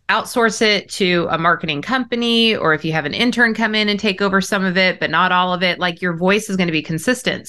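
Bright, direct Southern woman host. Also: fairly low pitch. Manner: direct, chatty, with lots of fillers. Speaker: podcast host. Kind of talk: casual podcast conversation.

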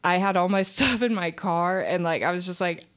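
A woman's voice: lowish voice, moderate pace, a bit bright. A young woman, a comedian guest on a podcast, telling a rambling story in casual chat, full of fillers and restarts.

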